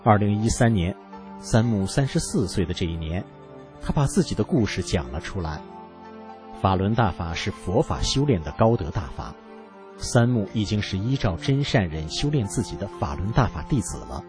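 A man reading a story aloud for a radio program in an earnest, measured narrating voice. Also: fairly low pitch, big pitch swings, over music. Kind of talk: scripted narration.

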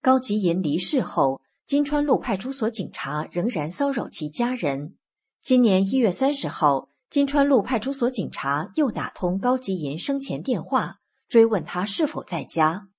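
A woman reading scripted news reports in a steady, formal manner. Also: mid-range voice, normal speed, breathy edge. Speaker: news reader.

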